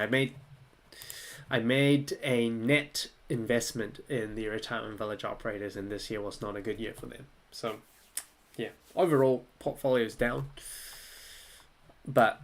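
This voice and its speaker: A young man from Malaysia, hosting a casual livestream Q&A at his desk, relaxed and chatty, often laughing and thinking aloud. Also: mid-range voice. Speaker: livestream host answering viewer questions. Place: small room indoors.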